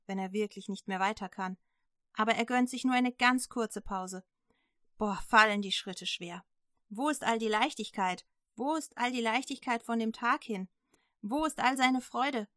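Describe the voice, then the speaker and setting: Bright-voiced woman telling a Bible story. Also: mid-range voice, dry recording, studio quality. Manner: lively, chatty asides. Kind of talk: Bible story narration for children.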